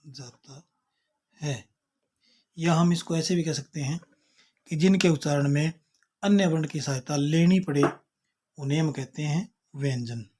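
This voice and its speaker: A man's voice: a little high, measured pace, pauses often, a little mellow, slightly rough. A man teaching a Sanskrit grammar lesson, patiently explaining and repeating each point, naming letters one by one.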